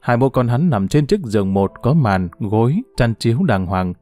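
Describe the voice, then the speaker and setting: A man narrating a novel in a measured, expressive storytelling voice. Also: mid-range voice. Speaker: audiobook narrator. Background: faint background music.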